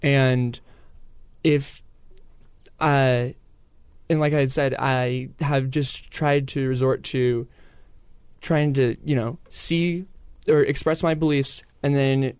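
A teenage boy on a radio panel, speaking hesitantly with many pauses and restarts. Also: medium pitch, fairly even intonation, darkish tone, smooth, no echo. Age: teens. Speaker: teen panelist. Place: radio studio.

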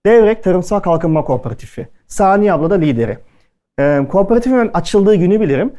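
A man from Türkiye tells stories to a live audience in a loose, conversational way. His voice sits a little high for a man, and he keeps slipping into the voices of the people he quotes. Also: very animated, a little fast, dark tone. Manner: chatty anecdotal delivery, acting out quoted dialogue. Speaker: speaker at a culinary event. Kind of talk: casual storytelling talk to an audience.

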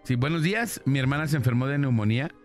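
A man's voice: mid-range voice, fast, faint music behind. A male radio host reading out listener messages about paranormal experiences and chatting with his co-host. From Mexico. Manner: reads listener messages aloud. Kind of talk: casual radio banter.

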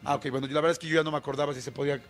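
A man with a Mexican Spanish accent, a radio guest telling a story in a colloquial, animated way with many fillers. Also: a little high, racing.

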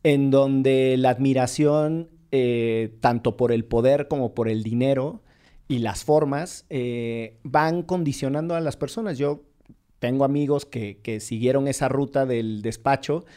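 A man's voice: medium pitch, a little slow, clean tone. A man from Mexico talking casually and jokingly as a podcast co-host. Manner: relaxed, joking, colloquial. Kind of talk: casual chat.

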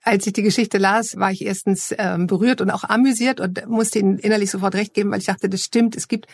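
A woman's voice: mid-range voice, fairly even intonation, brisk, vocal fry, no echo. A woman interviewing an author, attentive and affirming. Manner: attentive, affirming with frequent murmurs. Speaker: podcast interviewer.

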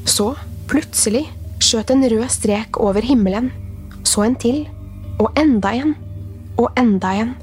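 A woman reading a scripted horror story in a hushed, suspenseful storytelling manner, with faint music behind her. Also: fairly high pitch, pauses often. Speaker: narrator.

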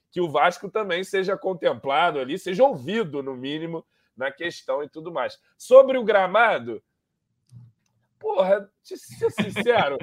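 A man's voice: high-pitched, no room sound. A man with a Brazilian Portuguese accent comments on football in a casual, slangy, conversational way. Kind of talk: casual sports discussion.

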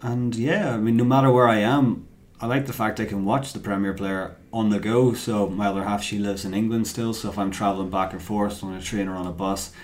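A man's voice: fairly low pitch, steady tone, fairly quick, few pauses, darkish tone. A man, a podcast guest telling a self-mocking story in casual chat. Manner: chatty, self-mocking anecdote teller.

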